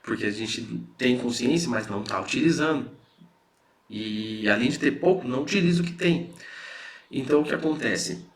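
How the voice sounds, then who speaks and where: A man's voice: medium pitch, expressive, moderate pace. A man with a Brazilian Portuguese accent giving a casual spiritual lesson, explaining in a conversational way and often checking in with his listeners. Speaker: spiritual teacher.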